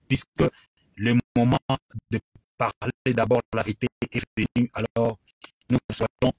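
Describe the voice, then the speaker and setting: A man's voice: medium pitch, slightly rough, no echo, low-quality recording. A man from Congo with a Congolese French accent, giving a bilingual preaching address that switches between French and English, emphatic and repetitive. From Democratic Republic of the Congo.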